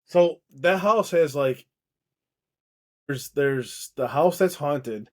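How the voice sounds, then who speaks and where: A podcast co-host chats casually in a high-ish, expressive voice with a darkish tone, taking it slowly. He talks in loose, rambling bursts, restarts often and laughs easily.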